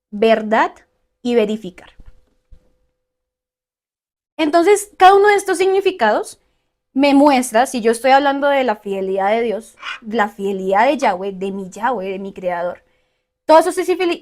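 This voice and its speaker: A woman teaching a Bible study, often checking in with her listeners and listing word meanings slowly. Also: a little high. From Colombia.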